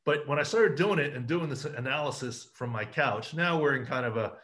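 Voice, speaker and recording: A man's voice: medium pitch, lively intonation, a little fast, fairly bright tone. A man hosting a podcast who talks in casual interview chat, telling anecdotes emphatically and acting out quoted voices. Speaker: podcast host, injury analyst.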